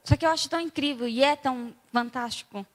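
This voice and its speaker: A woman with a Brazilian accent preaching a sermon in a conversational way, acting out scenes with lively energy. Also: sits high, quick pace, long reverb tail. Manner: conversational, acts out scenes animatedly.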